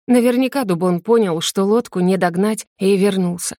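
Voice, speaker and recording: A woman narrating a first-person fantasy audiobook in a gentle, expressive storytelling manner. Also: medium pitch, normal speed, no echo, clean studio sound.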